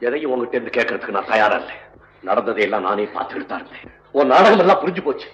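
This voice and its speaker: An actor playing a proud, indignant musician, quick to anger in old film dialogue. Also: male voice, mid-range voice, very animated, fairly bright tone, highs cut off. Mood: bitter. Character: proud, hot-tempered male musician. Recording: echoey old film soundtrack.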